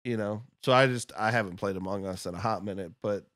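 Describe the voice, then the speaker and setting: A man's voice: on the low side, fast, a bit bright, no echo, clean studio sound. A man guesting on a casual podcast, talking in a rambling, candid way and swearing now and then. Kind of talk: casual chat over beers.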